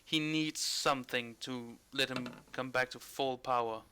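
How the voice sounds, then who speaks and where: A man's voice: medium pitch, fairly even intonation, a little slow, pushed and bright, slight background noise. A man narrating a tabletop role-playing game as game master in a casual, conversational style.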